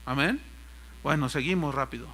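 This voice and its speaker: A man's voice: medium pitch, normal speed, sharp tone. An older man with a Mexican accent, a pastor preaching a sermon and telling folksy stories, acting out the voices of the people in them. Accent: Mexican Spanish. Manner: folksy storytelling, mimics voices in anecdotes.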